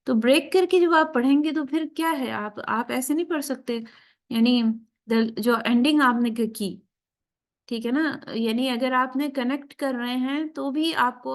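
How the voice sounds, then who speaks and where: A woman teaching a tajweed class, slipping English phrases into her talk and often checking that students follow. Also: a little high. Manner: keeps checking in with students after each point; mixes English phrases into Urdu. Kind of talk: class lecture.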